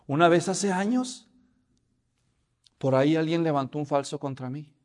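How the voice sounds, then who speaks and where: A man's voice: a little high, moderate pace, darkish tone. A man preaching a sermon, telling the story and asking the congregation questions. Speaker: pastor.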